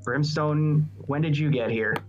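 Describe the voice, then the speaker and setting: A man's voice: fairly high pitch, unhurried, dull audio, faint music behind. A man talking casually as a player in a tabletop game, describing what his character does.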